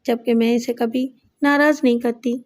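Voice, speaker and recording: Woman reading odd secretive young woman, coy, dreamy, dismissive, high mellow voice. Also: steady tone, natural voice.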